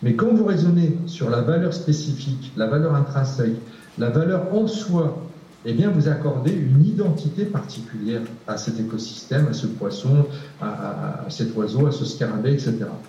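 A man's voice: mid-range voice, lively intonation, moderate pace, warm tone. A male researcher answering a question in a panel discussion, hesitant, with many fillers and repeated words. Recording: distant, echoey, dull room recording.

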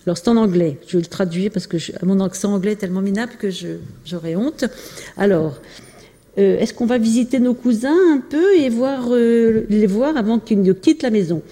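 A woman presents old photos and documents in a casual lecture, often pausing, restarting and filling gaps with little hesitations. Her voice is dark and mellow. It rings out with a long reverb, as in a large hall. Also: medium pitch. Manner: hesitant, many fillers and restarts. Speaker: lecturer presenting family archives. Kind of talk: informal illustrated talk.

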